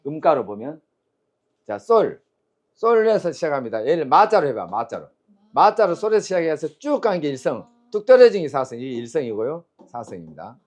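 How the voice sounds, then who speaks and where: A man's voice: a little high, sing-song, brisk. A man teaching Chinese characters and tones, quizzing his students and drilling sounds aloud in a call-and-response lecture.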